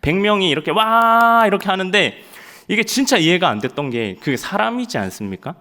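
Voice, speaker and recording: A young man preaching a sermon, telling stories in an animated way and acting out loud quotes. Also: high voice, fast. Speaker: evangelist preaching at a Friday night prayer service.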